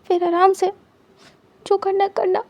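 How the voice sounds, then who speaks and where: A woman's voice: very high voice, little pitch movement, a little slow, darkish tone. A woman voicing a hurt jealous young husband.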